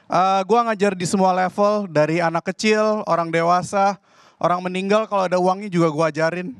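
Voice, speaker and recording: Indonesian male stand-up comic, high voice, dry sound, exasperated rants. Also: steady tone, brisk, clean tone, dry recording. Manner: exasperated ranting. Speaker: stand-up comedian. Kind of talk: stand-up comedy set.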